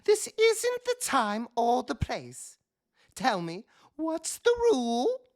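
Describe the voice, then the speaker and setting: Storybook school fish: fussy, scolding, high-pitched, wildly swooping, drawn out. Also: male voice, huge pitch swings, no room sound, clean studio sound, full character voice. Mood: stern. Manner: exaggerated, drawn-out exclaiming. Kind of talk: children's storybook read aloud.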